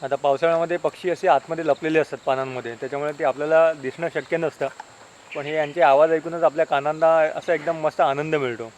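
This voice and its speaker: Outdoors in a village and forest, with insects and birds in the background, a man with a Konkan Marathi accent narrates a casual vlog, chatty and teasing as he shows things to viewers. His voice is fairly high and darkish, steady in tone and fast. The recording is low quality with a little hiss or hum.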